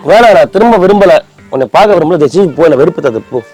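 A man's voice: fairly high pitch, expressive, very fast, a little mellow, soft background music. A man, sulking and complaining in a scripted comedy sketch as a husband. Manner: sulky, whiny complaining.

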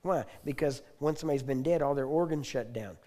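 A man telling a dramatic personal healing testimony as a preacher, with intense storytelling, repeated phrases and loud proclamations. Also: mid-range voice, fast. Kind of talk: sermon-style personal testimony. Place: teaching hall.

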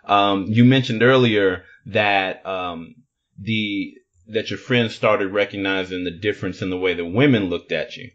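Low-voiced man hosting a podcast. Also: dull audio. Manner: thoughtful, rephrases and restarts questions. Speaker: podcast host. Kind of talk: interview questions.

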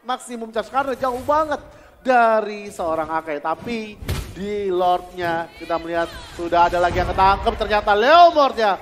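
A man commentating live on a mobile game match as an excitable esports announcer. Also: high voice, normal speed. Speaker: esports shoutcaster. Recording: echoey hall, clear background noise.

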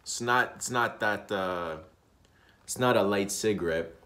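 Low-voiced vlogger in his thirties, loose and repetitive, room webcam sound. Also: a little slow. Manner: rambling, repetitive, relaxed, with many uhs. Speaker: smoking vlogger. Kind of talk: casual smoking vlog. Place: indoor room.

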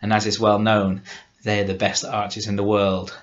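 A storyteller man with a Cheshire English accent tells a folk tale in a lively, dramatic way, with touches of dry humour. His voice sits fairly low, and the recording sounds dull and lo-fi. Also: normal speed. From Cheshire, England. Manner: lively, dramatic, warmly humorous.

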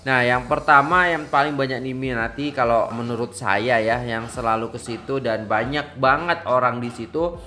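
Bright-voiced man reacting. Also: medium pitch, moderate pace, slight background noise. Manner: chatty, frequent exclamations, addresses viewers as guys. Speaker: reaction vlogger. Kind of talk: casual reaction commentary. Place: small decorated room indoors.

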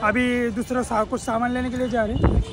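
A young man in his twenties narrates a casual road-trip vlog, holding a phone camera at arm's length while explaining prices and places at markets, the beach, in a car and in a room. His voice is very high, flat and brisk. The outdoor phone audio is noisy, with a loud crowd around him.

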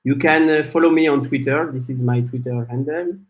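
A French man in his forties, a software developer appearing as a guest speaker, gives a conference tech talk from a small room at home. His mid-range voice comes through a video call webcam, and he speaks in a measured way with frequent "uh" fillers.

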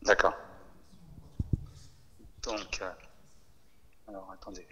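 A man's voice comes through a phone on speakerphone into a reverberant room. His tone is sharp and very bright, with a long echo trailing behind it. He delivers a formal briefing and stops often on filler sounds. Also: sits low, little pitch movement, breathy edge. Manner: hesitant, with many filler pauses. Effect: heard over a phone on speakerphone. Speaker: education official addressing trainee teachers. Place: relayed into a meeting room over a speakerphone.

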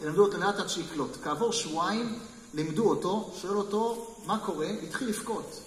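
Rabbi's voice echoing around a hall. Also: male voice, high-pitched. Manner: lively storyteller, talks with listeners and asks them questions. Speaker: rabbi giving a weekly Torah class. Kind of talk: storytelling Torah lesson to a live group. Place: hall with a small live audience. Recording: echoey hall, mic far off, faint noise.

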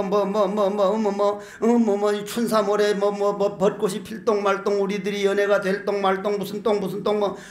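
High-voiced older monk preaching. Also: male voice, reverberant. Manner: folksy, joking storyteller with rhetorical questions. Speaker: Buddhist monk giving a dharma talk. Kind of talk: sermon.

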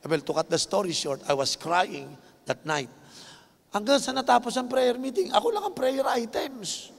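A man with a Filipino accent preaching a sermon, telling a personal story with lively acted-out voices and switching between Tagalog and English. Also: sits high, moderate pace, creaky. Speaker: bishop preaching. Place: large indoor dome arena. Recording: long reverb of a big hall.

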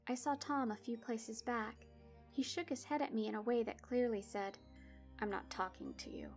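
A woman telling a spooky story in the first person, wry and dramatic. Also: fairly high pitch. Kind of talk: scripted horror story narration.

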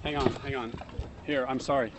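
A man's voice: mid-range voice, steady tone, normal speed. A male TV reporter, flustered, apologizing over and over outdoors. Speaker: TV news reporter. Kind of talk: unscripted apologizing on live TV. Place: outdoor marina boat show. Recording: busy outdoor crowd, distant camera.

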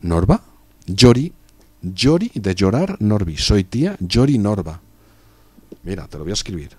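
A man's voice: on the low side, very animated, unhurried, warm tone, breathy edge, dry recording. A young man with a Spain Spanish accent, chatting casually and joking with his chat while streaming a strategy game. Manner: joking, chatty, reads chat aloud and riffs on it.

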